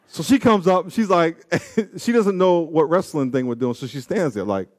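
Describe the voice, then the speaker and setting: A man of forty preaching a sermon, reading scripture and telling stories in a loose, slangy way, swinging from loud peaks to low asides. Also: animated, normal speed. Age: 40s. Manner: slangy, storytelling. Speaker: pastor.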